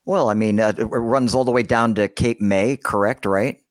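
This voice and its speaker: Low-voiced joking New man. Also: fairly even intonation, normal speed, no echo, clean studio sound. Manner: joking, wry asides. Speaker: podcast co-host. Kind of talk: casual podcast chat.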